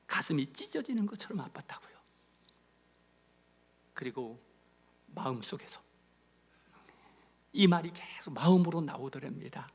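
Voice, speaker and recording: Husky pastor whispering and then rising. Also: male voice, on the high side, lively intonation, unhurried, pauses often. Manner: dramatic storytelling, swinging from hushed whispers to loud emphatic peaks. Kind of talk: sermon. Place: church sanctuary.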